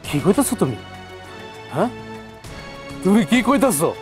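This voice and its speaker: An actor with a high, very animated voice at normal speed plays an angry young husband scolding his sister-in-law. He speaks with a colloquial Bangladeshi Bengali accent in an indignant mood, and faint background music plays.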